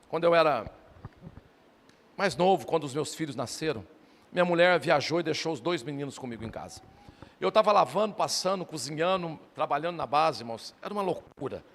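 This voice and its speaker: A man's voice: a little high, fairly bright tone. A middle-aged male pastor preaching a sermon, emphatic and repeatedly calling out to his listeners as brothers. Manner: emphatic preaching, often addressing "irmãos". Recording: long reverb of a church hall.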